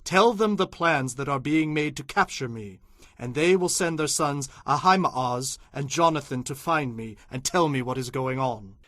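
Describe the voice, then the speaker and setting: A man's voice: medium pitch, moderate pace, a bit bright, no echo, clean studio sound, lightly acted. An actor playing a solemn exiled king, earnest and commanding, in a dramatized audio Bible. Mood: instructing. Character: sorrowful exiled king, resigned yet commanding.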